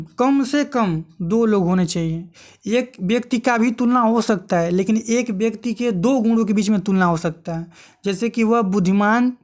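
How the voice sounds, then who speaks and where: A woman's voice: on the high side, darkish tone. Woman teaching grammar. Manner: explains patiently, asks and answers her own questions. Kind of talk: exam-prep grammar lesson.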